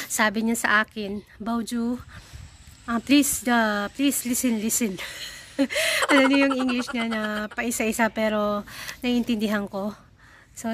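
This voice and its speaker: A young woman chats to her vlog viewers at home, telling a family story with frequent laughs. Her voice sits a little high, and faint room ambience lies under it. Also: slight background noise. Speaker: vlogger. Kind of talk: casual chat to viewers. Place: home in Nepal.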